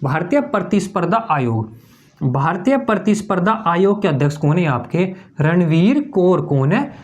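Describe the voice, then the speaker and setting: A man's voice: sits high, sing-song, moderate pace. Guy doing exam mnemonic tricks, keeps asking and answering himself, writes on a board as he goes. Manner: repeats each answer as a question-and-answer drill, calls students "bhaiya"; talks while writing on a board. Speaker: exam coaching teacher.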